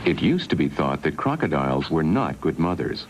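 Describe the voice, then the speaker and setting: Deep-voiced documentary narrator on worn tape. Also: male voice, very animated, normal speed. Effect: worn VHS tape copy. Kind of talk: scripted wildlife documentary narration. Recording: hissy worn VHS tape dub.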